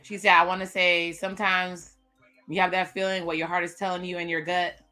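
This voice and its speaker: A woman's voice: fairly low pitch, level tone, brisk, sharp tone, faint music behind. A woman hosting a live reaction stream, casually recapping and commenting on a dating show. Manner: casual, recaps what cast members say, chatty asides. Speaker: reaction video host.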